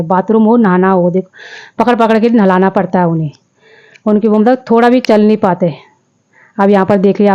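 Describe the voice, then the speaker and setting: A woman's voice: medium pitch, warm tone, highs cut off. A young woman vlogger chatting through her daily chores in a casual voice-over, often repeating herself and quoting her family.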